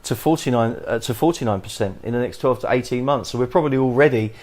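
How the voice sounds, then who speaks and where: A man with an English accent hosting a podcast interview, talking haltingly with many restarts. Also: mid-range voice, darkish tone. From England. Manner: halting, many restarts and fillers, chuckles often. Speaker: podcast host.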